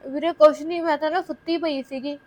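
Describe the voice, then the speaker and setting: A woman playing a whiny young bride, high-voiced. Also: fairly even intonation, fairly quick, a little mellow, close to an everyday voice. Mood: scheming. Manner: whining, complaining, quarrelsome. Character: young newlywed wife, spoiled and complaining. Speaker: actor in a short film. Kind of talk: village short-film acting.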